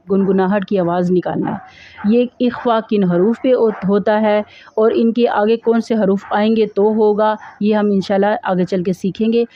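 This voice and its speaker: A woman with a Pakistani Urdu accent teaching Quran reading, spelling out syllables slowly and drilling them. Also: mid-range voice. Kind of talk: spelling out and recitation drill lesson. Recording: dull, dry close recording.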